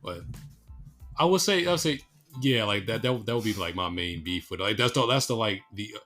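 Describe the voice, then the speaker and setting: A young man co-hosting a casual podcast who talks haltingly, repeating words as he searches for them. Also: lowish voice, expressive, pushed and bright, soft background music. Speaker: podcast co-host. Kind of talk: casual chat.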